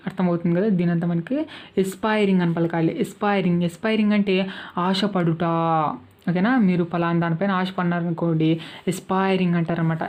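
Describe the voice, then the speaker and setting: A woman's voice: lowish voice, darkish tone. A woman with a Telugu accent teaching spoken English, patiently repeating each verb form and checking that her students follow.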